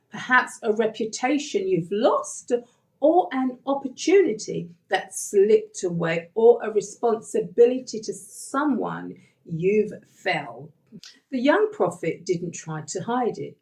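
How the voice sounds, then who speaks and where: Woman bible teacher doing a sermon, slow and emphatic, lots of up and down in her voice. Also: medium pitch, a little mellow. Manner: emphatic, asks the listeners rhetorical questions.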